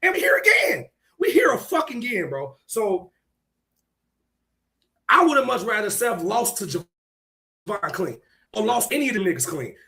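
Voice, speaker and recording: A man co-hosting a casual podcast chat, ranting in a heated, profane way, often shouting and breaking into laughter between points. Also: sits high, big pitch swings, normal speed, creaky, long pauses. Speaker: podcast co-host.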